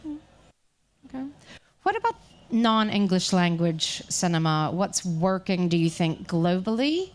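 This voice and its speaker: A woman from the United States moderating an onstage interview, upbeat and quick to interject and agree. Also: fairly low pitch, sing-song. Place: stage at a film festival market.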